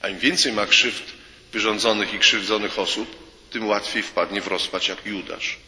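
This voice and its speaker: A man with a lowish voice preaches a sermon in a hard, forceful tone, hammering home his points by saying them again and voicing imagined exchanges. His words ring out in a roomy space with a long reverb tail. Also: fairly even intonation, moderate pace. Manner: emphatic, repeats key phrases, acts out quoted dialogue.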